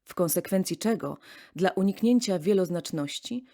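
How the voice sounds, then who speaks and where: A woman giving a scripted educational narration, in a measured, explanatory way. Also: lowish voice, animated, warm tone.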